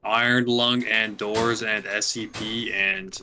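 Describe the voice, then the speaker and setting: A man's voice: on the low side, flat delivery, slow pace, sharp tone, a little hiss or hum. A man chatting casually with a friend while playing a game, teasing and bantering. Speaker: gamer. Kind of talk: casual gaming chat.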